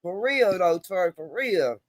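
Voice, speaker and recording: A woman hosting a call-in show talks with a lively, swinging pitch that leaps up and down, teasing her callers. She keeps repeating her phrases as she jokes with them. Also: measured pace, dry recording, clean studio sound. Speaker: host. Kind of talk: casual chat.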